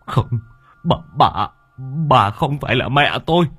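A man's voice: mid-range voice, expressive, unhurried, fairly bright tone, slight background noise, pitched above the performer's own voice. A man voicing a terrified man who cries out in a panicked, desperate way. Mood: panicked terror. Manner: panicked, pleading. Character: terrified man facing a ghost.

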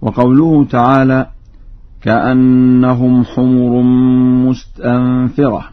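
Man explaining quran readings on old radio, measured talk then slow chanted verses, dull lo-fi sound, mid pitch. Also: level tone. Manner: measured, slows into chanted recitation for each example. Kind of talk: formal radio lesson with recited examples.

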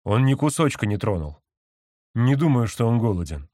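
A man's voice: medium pitch, very animated, moderate pace, mellow, no room sound, studio quality, natural voice. A man voicing a grumpy, irritable masked activist in an audiobook. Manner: grumbling, irritable.

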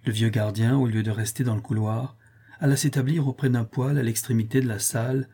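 Husky-voiced man reading an audiobook. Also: medium pitch. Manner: steady, measured reading. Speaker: audiobook narrator. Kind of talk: audiobook narration.

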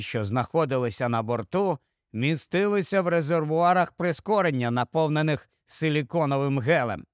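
A man narrating a science fiction story, reading in a dramatic, expressive way. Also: a little high, no echo, studio quality. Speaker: audiobook narrator.

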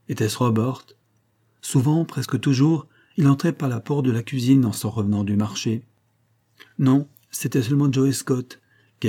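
Measured male narrator for a classic novel, husky and dark-toned. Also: on the low side. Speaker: audiobook narrator. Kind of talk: scripted narration.

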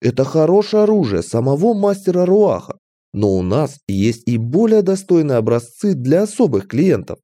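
Dude doing a greasy fat merchant, fawning and pushy, high and bouncy. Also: male voice, normal speed, no room sound. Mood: wheedling. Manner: unctuous, flattering, pushy. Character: fat, sly, fawning male merchant NPC. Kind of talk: audiobook character reading.

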